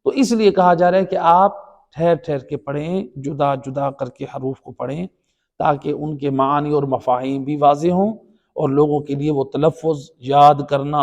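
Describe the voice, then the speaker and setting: A man's voice: fairly high pitch, a little mellow. A man with a Pakistani Urdu accent teaching the Quran in a religious lecture, explaining by repeating points and asking rhetorical questions. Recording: long hall reverb.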